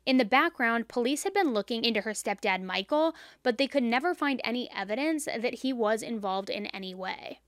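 A woman hosting a true crime show, chatting straight to listeners, a little hoarse with vocal fry and a scratchy throat. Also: a little high, animated, a little fast, hardly any pauses, no echo, studio quality. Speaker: true crime podcast host. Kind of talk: casual storytelling and ad read.

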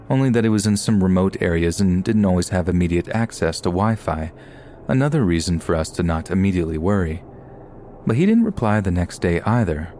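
A man narrating a submitted scary story in a steady, measured way. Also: low-pitched. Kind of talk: scripted narration.

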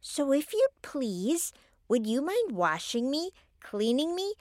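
A woman's voice: high-pitched, very animated, takes it slowly, a little mellow, heavily acted. A woman voicing a cheerful, teasing magic cooking pot in a children's audio story. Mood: playful. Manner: sing-song, teasing. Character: cheerful magic three-legged pot, playful trickster.

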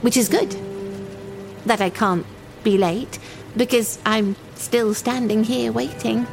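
A woman's voice: on the high side, steady tone, takes it slowly, vocal fry, soft background music, poor audio. A woman playing a lonely, timid young runaway in an audio drama monologue, speaking in simple, naive, confiding phrases. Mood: chatty, naive. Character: lonely, timid young runaway waiting for a train, childlike and wistful.

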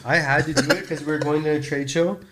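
A man's voice: fairly high pitch, steady tone, fast talker, fairly bright tone, slight background noise. A man from Canada in his thirties, a store-owner guest chatting casually on a podcast in a laid-back, rambling way. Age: 30s.

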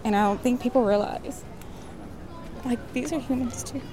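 A woman's voice: fairly high pitch, moderate pace, noisy background. A woman who founded a volunteer school, speaking earnestly and from the heart in an interview.

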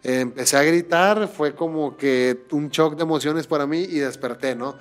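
A man's voice: on the high side, moderate pace. Man telling a dream story. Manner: animated, restarts and repeats words. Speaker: podcast host. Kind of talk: casual chat, storytelling.

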